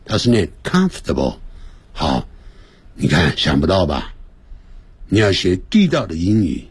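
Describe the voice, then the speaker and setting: A man's voice: low-pitched, very animated, unhurried, slightly rough, no echo. A man teaching English on the radio, explaining grammar and pronunciation and reading sentences aloud for listeners to repeat. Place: radio studio.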